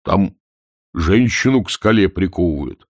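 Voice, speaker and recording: A man's voice: low voice, lively intonation, a little slow, no echo, studio quality. A man voicing an earnest, literal young male watchman who speaks plainly in an audiobook.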